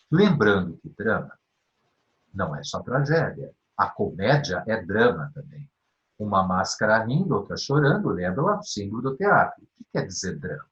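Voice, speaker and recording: Brazilian male literature teacher, very animated delivery, slightly dull lo-fi recording, rhetorical questions, counts syllables aloud. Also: mid-range voice. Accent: Brazilian Portuguese. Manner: animated, asks and answers his own questions, checks in with "tá bem?"; counts poetic syllables aloud, half-singing the verses. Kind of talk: exam-prep literature lesson.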